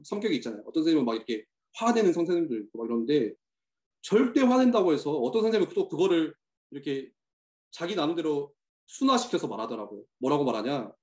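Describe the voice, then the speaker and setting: Male pastor, sermon to teachers, lively rising and falling voice, fairly high, roomy echo. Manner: earnest, preacherly, with many filler "uh"s and personal stories. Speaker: youth ministry pastor addressing teachers. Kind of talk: sermon message to church teachers. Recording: echoey room.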